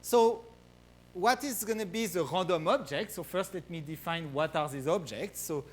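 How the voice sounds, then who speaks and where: A man's voice: high-pitched, normal speed. A man with a French accent giving a research math lecture, hesitant, with many fillers and restarts. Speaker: guest lecturer.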